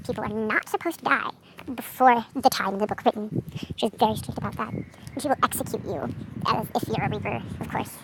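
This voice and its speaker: High-voiced chatty young woman. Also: creaky, slight background noise. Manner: chatty, easily distracted, rambling with fillers. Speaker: vlogger showing her character drawings. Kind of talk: casual chat.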